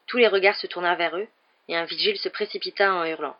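An audiobook reader narrating a novel in an even, measured way. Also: mid-range voice, highs cut off.

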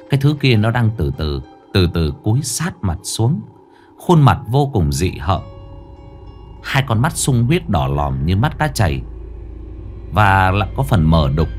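Low, expressive male ghost-story narrator. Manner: dramatic, expressive.

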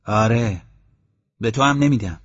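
A man reading an audiobook, voicing a stubborn villager with a husky, slightly raised voice. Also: lowish voice, lightly acted. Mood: defiant. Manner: stubborn, defiant. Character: stubborn young villager man, devoted to a stray dog. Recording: dull lo-fi audiobook recording.

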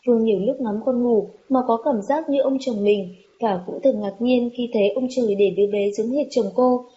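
Mellow-toned woman telling a sad story. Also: fairly high pitch, moderate pace. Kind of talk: narrating a true-life story. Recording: dull lo-fi recording.

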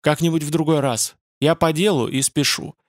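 A man's voice: fairly high pitch, steady tone, normal speed, dry recording, clean studio sound, voice pushed up, close to an everyday voice. A man reading an audiobook, voicing a guarded, terse young male warrior.

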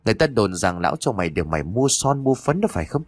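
A man voicing a jealous, furious husband who snarls rapid accusations. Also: lowish voice, big pitch swings, slightly rough, no room sound. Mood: raging.

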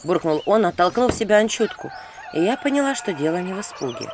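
A woman reading a storybook aloud in a lively, flustered first-person telling. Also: medium pitch, brisk, background noise. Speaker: audiobook reader. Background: background music.

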